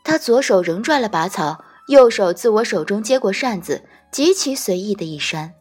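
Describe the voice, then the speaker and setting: A woman narrating a first-person fantasy audiobook, gentle and wry. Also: medium pitch, animated, normal speed, breathy edge, soft background music. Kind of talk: scripted storytelling narration.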